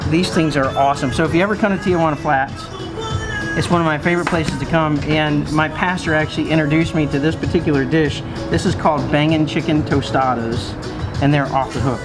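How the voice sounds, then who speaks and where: A man's voice: on the high side, fairly even intonation, a little fast, music in the background. A man hosting a vlog in casual chat, bantering and asking questions. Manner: bantering, asks questions and teases. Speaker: vlog host.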